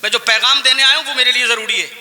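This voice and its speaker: A man preaching to a crowd with fierce passion, rising to shouts at his peaks. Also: very high voice, fairly even intonation, fast, big-room sound. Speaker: Islamic preacher. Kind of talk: fiery religious speech.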